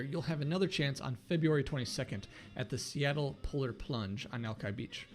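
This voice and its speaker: A man's voice: on the high side, vocal fry. A man presenting a scripted local show as host, in an upbeat address to viewers. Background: music.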